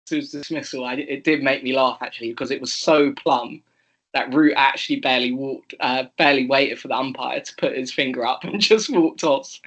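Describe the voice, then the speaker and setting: A young man co-hosting a casual sports chat, chatty and quick to laugh, with fillers and restarts. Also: medium pitch, steady tone, fairly bright tone. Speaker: co-host.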